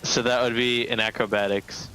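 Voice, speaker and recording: Bright-voiced man playing a tabletop game. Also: medium pitch, level tone, moderate pace, slight background noise, poor audio. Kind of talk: casual chat.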